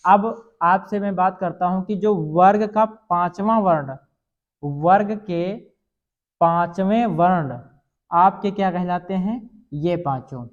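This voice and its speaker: High-voiced male teacher drilling sounds. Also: slow. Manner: repeats sounds aloud and quizzes the listener. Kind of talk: exam-prep grammar lesson. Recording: dull lo-fi recording.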